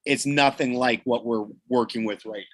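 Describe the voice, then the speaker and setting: A man's voice: medium pitch, steady tone, moderate pace, crowd noise. A man co-hosting a casual podcast, talking in a rambling way with many fillers. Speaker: podcast co-host. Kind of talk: casual group chat.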